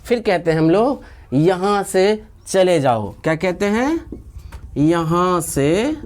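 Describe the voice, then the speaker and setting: A Hindi-speaking woman with an Indian accent teaching spoken English, repeating each phrase slowly for learners. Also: on the low side, expressive, a little mellow. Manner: slow, drawn-out repetition of phrases for learners.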